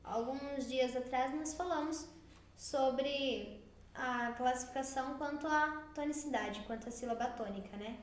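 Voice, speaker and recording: A woman from Brazil teaching a recorded remote class for young children, explaining worksheet tasks slowly and patiently, step by step. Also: sits high, echoey room.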